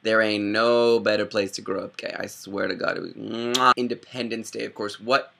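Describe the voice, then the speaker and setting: Young guy from chicago doing a snarky rambling vlog, gravelly edge, punchy bright tone. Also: on the low side, steady tone. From Chicago area, Illinois. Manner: rambling, sarcastic, doing quick impressions. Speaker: video host. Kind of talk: casual comedic movie vlog.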